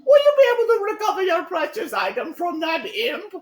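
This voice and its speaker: An eerie video game mask salesman, played by a man, with a high voice that swoops dramatically between solemn and frantic. He is theatrical and pleading, in a roomy space with game music behind. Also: huge pitch swings, brisk, full character voice. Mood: solemn, coaxing. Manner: melodramatic, swinging from solemn to shrieking. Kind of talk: dramatic read-aloud of video game dialogue.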